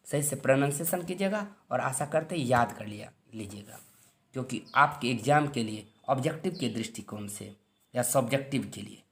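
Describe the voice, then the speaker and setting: A man from India, giving a syllabus lesson for exam students. He reads each title slowly twice, often clearing his throat. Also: mid-range voice. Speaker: teacher.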